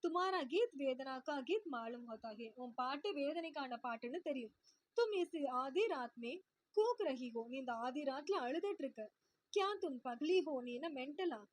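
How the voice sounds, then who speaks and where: A woman tutor who reads out a poem line by line and paraphrases each line simply, in a steady, repetitive teaching cadence. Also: sits high, normal speed. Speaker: Hindi exam tutor. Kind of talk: line-by-line poem explanation lesson.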